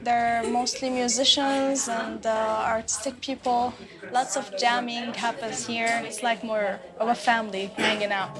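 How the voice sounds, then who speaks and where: A woman's voice: fairly high pitch, little pitch movement, a little slow. A young woman from Syria, talking frankly in a cafe and laughing often. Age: young adult. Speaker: interviewee. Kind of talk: casual conversation. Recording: music playing behind.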